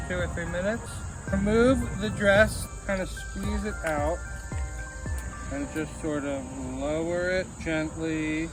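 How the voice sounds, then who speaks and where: A woman hosting a parody cooking and craft show, explaining each step with gushing, playful over-excitement. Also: lowish voice, poor audio. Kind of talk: mock-earnest cooking and craft demo.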